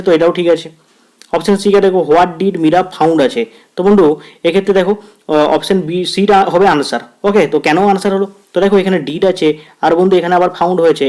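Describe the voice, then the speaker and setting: A man with a Bengali accent teaching an exam-prep English grammar lesson, calling viewers friend, repeating phrases and reading English quiz sentences slowly word by word. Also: a little high, a little mellow.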